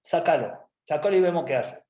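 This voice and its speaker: A man's voice: fairly high pitch, lively intonation, a little fast, warm tone, echoey room, natural voice. A man voicing God as an exasperated, mocking male figure.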